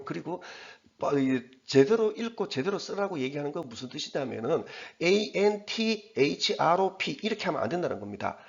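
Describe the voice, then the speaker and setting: A middle-aged man teaching English, explaining slowly and patiently with many fillers and spelling words out letter by letter. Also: on the high side, creaky. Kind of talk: lecture on English grammar and vocabulary. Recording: dull lo-fi recording.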